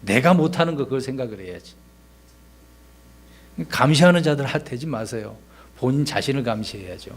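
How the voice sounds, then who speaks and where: A man's voice: medium pitch, animated, fairly quick, long pauses. A man, a pastor, preaching a sermon in a conversational way, asking his congregation rhetorical questions and acting out the lines he quotes.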